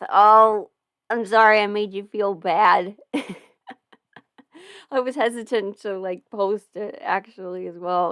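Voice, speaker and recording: On a casual home livestream, a twentysomething woman slurps ramen and fields questions, close-miked, giggly, and full of fillers as she rambles. Her medium-pitched voice comes across bright and forceful with a clean tone, and the recording is dry.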